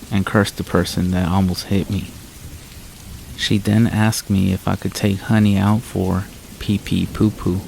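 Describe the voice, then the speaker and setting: Man, horror story narrator, very deep voice, monotone, scripted reading, soft rain behind. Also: vocal fry, a little hiss or hum, low-quality recording. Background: rain sounds.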